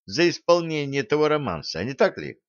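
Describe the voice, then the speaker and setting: A man voicing a reserved young lieutenant who speaks in a quiet, measured, formal way, on a dry, slightly dull recording. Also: on the high side, sing-song, no echo, pitched above the performer's own voice. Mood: earnest. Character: young earnest male lieutenant, reserved and thoughtful.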